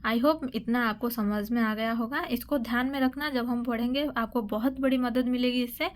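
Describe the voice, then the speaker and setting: A woman's voice: fairly high pitch, fairly even intonation, normal speed. A woman teaching a grammar lesson for exam prep, asking questions and answering them herself, often repeating and correcting herself.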